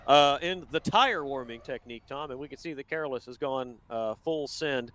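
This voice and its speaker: A man calling laps as a sim racing commentator, giving steady play-by-play and often correcting himself. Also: medium pitch, moderate pace.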